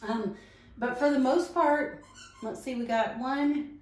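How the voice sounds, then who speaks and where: A woman hosting a casual home vlog, chatty and relaxed with many ums. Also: sits high, slow pace. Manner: talks while tasting, mouth full. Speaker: home cooking vlogger. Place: home kitchen and growing room. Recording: roomy home echo.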